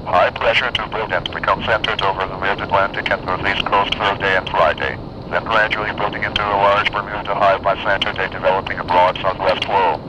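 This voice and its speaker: A man's voice: on the low side, steady tone, fairly quick, highs cut off. A synthesized male announcer reading weather and marine forecasts, heard over a weather radio. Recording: noisy radio reception with hiss.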